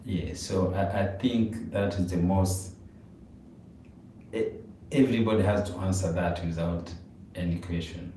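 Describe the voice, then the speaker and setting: Low-pitched and warm, this male co-host speaks unhurriedly with fairly even intonation and long pauses. His casual live stream talk rambles, repeats words, and shows non-native grammar. He comes across echoey and distant, recorded from afar in an echoey room with faint noise.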